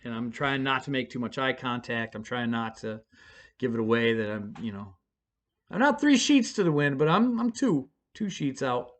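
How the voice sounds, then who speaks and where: A man's voice: mid-range voice, moderate pace. A middle-aged man casually telling a profane, self-mocking story, rambling with fillers and restarts. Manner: fillers and restarts, bursts of excited shouting.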